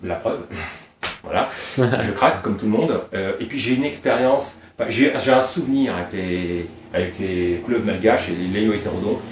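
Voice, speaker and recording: Background noise accompanies this fairly low-pitched, moderately paced man, a middle-aged snake breeder from Réunion Island. Chatting informally, he drifts between topics and piles detail upon detail about his animals, captured with roomy, far-off sound.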